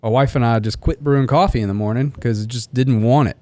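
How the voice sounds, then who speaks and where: A man's voice: medium pitch, quick pace, darkish tone, dry recording. Casual podcast host, man in his forties, easygoing and reflective, dry close sound. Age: 40s. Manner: easygoing, reflective, laughs often. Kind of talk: casual chat.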